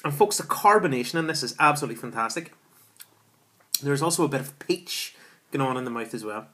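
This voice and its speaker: A man's voice: medium pitch, expressive, a little fast, pushed and bright. A man, reviewing a beer at home in a chatty, enthusiastic way with lots of fillers, filmed with a camera at arm's length. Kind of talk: casual beer review vlog. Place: small room at home, indoors.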